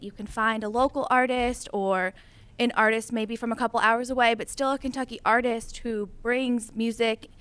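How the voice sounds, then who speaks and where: A woman who works as a bartender speaks at a city council meeting. Her voice sits a little high, and she talks softly and in measured phrases. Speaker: bartender giving public comment. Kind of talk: public comment at council meeting.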